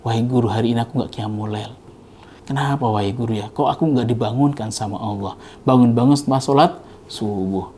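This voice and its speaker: A man voicing a grieving, remorseful pious scholar who speaks softly and humbly in a retold religious story. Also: mid-range voice, a little fast, slight background noise, close to an everyday voice. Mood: sorrowful. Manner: soft, regretful and humble.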